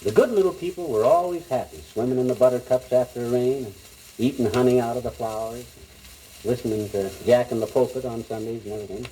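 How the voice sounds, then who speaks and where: A man playing the blustery lead of a 1940s radio comedy, brash and quick to bluster. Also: mid-range voice, dark tone. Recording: crackly old 78 record.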